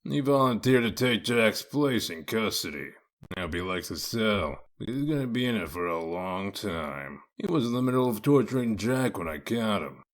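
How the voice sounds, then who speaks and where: Man acting deep, gruff, sardonic Bigby Wolf. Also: normal speed, close to an everyday voice. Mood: dry. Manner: sardonic, deadpan, authoritative. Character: gruff, sardonic werewolf lawman, commanding and dry. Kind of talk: dramatic comic-dub voice acting.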